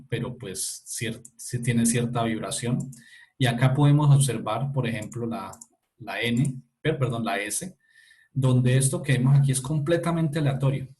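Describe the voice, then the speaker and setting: A man teaching an online class at an even middle pitch, walking students through each point. He keeps checking that they follow along and stops often to correct himself mid-sentence. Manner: explanatory, often checking in with "¿cierto?" and "¿listo?"; halting, with frequent self-corrections and fillers. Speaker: university physics lecturer. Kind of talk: online lecture explaining speech acoustics.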